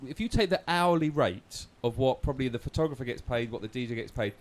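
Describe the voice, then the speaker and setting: A man's voice: medium pitch, lively intonation, fast talker, a little mellow. A man hosting a podcast, teasing his guest in casual banter. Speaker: podcast host. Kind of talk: casual chat.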